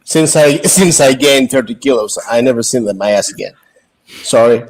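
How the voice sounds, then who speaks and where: A man's voice: medium pitch, normal speed, low-quality recording. A man chatting casually on a stream, laughing easily and poking fun at himself. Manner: laughs easily, self-mocking. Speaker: guest on a stream. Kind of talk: casual chat.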